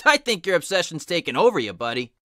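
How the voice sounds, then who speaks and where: A man's voice: fairly high pitch, big pitch swings, fast talker, a bit bright, no room sound, studio quality. A man voicing a cocky, sarcastic cartoon hedgehog who reads fan fiction aloud with wry commentary. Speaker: host and reader.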